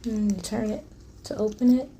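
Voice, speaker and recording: A woman's voice: medium pitch, fairly even intonation, moderate pace, dark tone, slight background noise, low-quality recording. A woman talking casually and earnestly to her viewers in a personal vlog, in a confiding way. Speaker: vlogger.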